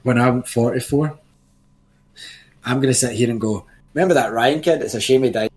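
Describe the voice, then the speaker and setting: A man's voice: mid-range voice, normal speed, darkish tone. A man in his thirties co-hosting a casual video game podcast, blunt and jokey, swearing freely and talking over his co-host. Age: 30s. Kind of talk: casual chat.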